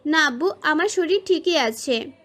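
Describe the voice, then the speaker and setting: A woman voicing an anxious, tearful young daughter in an audio story. She speaks softly and slowly, in a pleading tone. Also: high voice, lively intonation. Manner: soft, pleading, slow.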